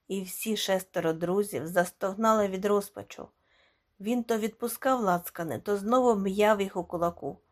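A woman reading a short story aloud as audiobook narration, expressive and dramatic. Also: medium pitch. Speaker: audiobook reader. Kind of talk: scripted narration.

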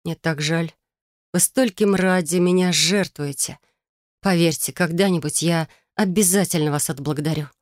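A reader voicing a young woman heroine who speaks quietly and earnestly, grateful and anxious. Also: fairly low pitch, normal speed, no room sound, clean studio sound, lightly acted. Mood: worried.

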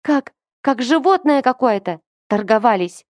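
A woman voicing a desperate teenage girl who pleads and breaks into shrill cries. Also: moderate pace, a little mellow, no room sound, lightly acted.

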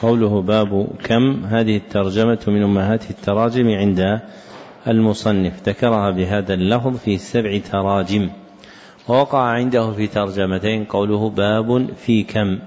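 A man teaching, explaining hadith narrations in short, measured phrases. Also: fairly low pitch, fairly even intonation, a little mellow. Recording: dull recording with long hall reverb.

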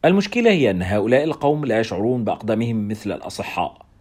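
A man reading a novel aloud, with wry, expressive first-person narration. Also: on the low side, racing, breathy edge.

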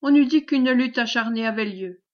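Female audiobook narrator, fairly high voice, measured reading; muffled home audio. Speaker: audiobook reader. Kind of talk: audiobook narration of a classic novel.

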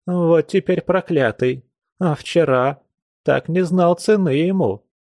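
A man's voice: slow, a little mellow, no room sound, clean studio sound. A man reading an audiobook, voicing a stern, fussing old grandmother who scolds. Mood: scolding. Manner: scolding, raised higher voice.

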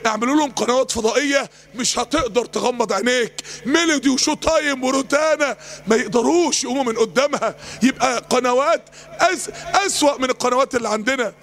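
A man's voice: very high-pitched, fast talker, fairly bright tone. A man with an Egyptian accent preaching an impassioned sermon in a chanting cadence. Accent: Egyptian Arabic.

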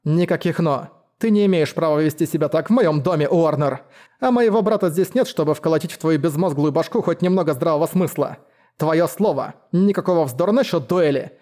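Male reader as a steely woman steward, icy and stern, warm mellow tone. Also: fairly high pitch, a little fast, natural voice. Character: cold commanding woman, steward of her estate.

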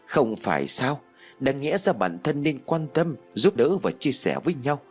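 A man's voice: medium pitch, big pitch swings, unhurried, soft background music, voice pushed up. A man playing a proud, hurt young woman. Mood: tearful pleading. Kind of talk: audio story reading.

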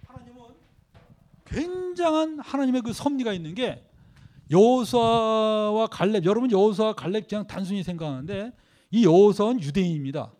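High-voiced Korean pastor preaching. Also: male voice, lively intonation, brisk, mellow. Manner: rhetorical questions to the congregation; leads group scripture reading. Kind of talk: sermon.

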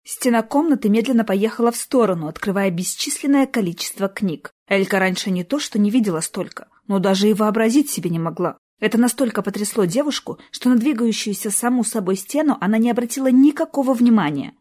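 A woman reading a fantasy novel aloud as an audiobook narrator, with expressive, lively storytelling. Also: mid-range voice, a little fast, few pauses.

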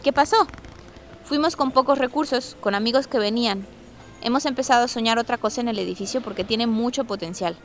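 Speaking briskly in a slightly high voice, a woman recounts, as an artist resident, living through a squat and its eviction. Her personal testimony is told conversationally, with soft background music.

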